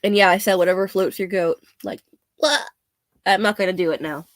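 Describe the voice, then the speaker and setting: A young woman, a bit hoarse, chatting casually and laughing often as she rambles. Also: medium pitch, fairly even intonation, brisk, no echo. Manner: chatty, laughs often, self-deprecating asides. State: slightly hoarse.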